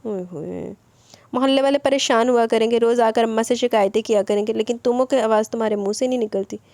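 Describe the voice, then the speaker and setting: A woman's voice: a little high, fast talker, a little mellow, dry recording, close to an everyday voice. A woman voicing a teasing, playfully bossy young husband in a romance novel reading. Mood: mock-stern. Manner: teasing, mock-stern.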